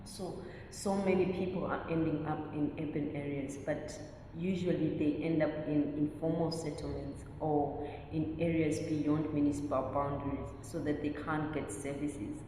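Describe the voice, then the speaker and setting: Woman guest from Zimbabwe, low voice, long room reverb. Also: flat delivery, normal speed. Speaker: guest, PhD candidate in agricultural science. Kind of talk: podcast interview. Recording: echoey room, mic at a distance, noisy.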